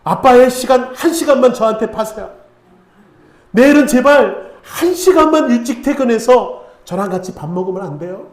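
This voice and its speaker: A man's voice: very high-pitched, expressive, normal speed, reverberant. A man voicing a timid pleading small child.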